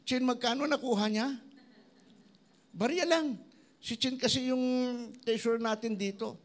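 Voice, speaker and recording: A man pastor preaching a sermon, mixing English into his talk and acting out the voices of people he quotes, with big swings between loud and soft. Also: extremely high pitch, a little slow. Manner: preaching in Tagalog mixed with English, lively swings in loudness; acts out quoted voices of others. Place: church.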